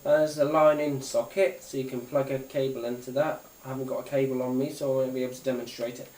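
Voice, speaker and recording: A British gadget reviewer gives a casual, unscripted product demo, rambling and hesitant, in a medium-pitched, slightly mellow voice that moves little in pitch and runs fast. The recording is roomy, with a distant mic and faint noise.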